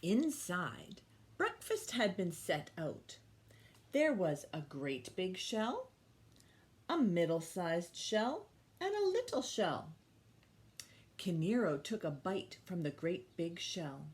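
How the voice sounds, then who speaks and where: A woman with a lowish voice, very animated yet unhurried, leads storytime for young children. She speaks to them in short phrases and simple questions and reads a picture book aloud with lots of expression.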